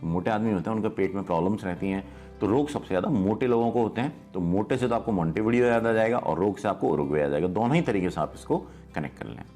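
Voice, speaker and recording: A man teaching memory tricks in a lively, storytelling way, acting out little scenes as he explains. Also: fairly low pitch, fast, faint music behind.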